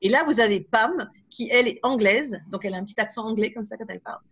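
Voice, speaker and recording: A fairly high-voiced woman leads a live workshop for aspiring speakers, chatty and lively, tossing in small asides to her audience. The recording is dull and lo-fi. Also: fast talker, slightly rough. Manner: lively, with many tag words and asides. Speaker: speaker trainer.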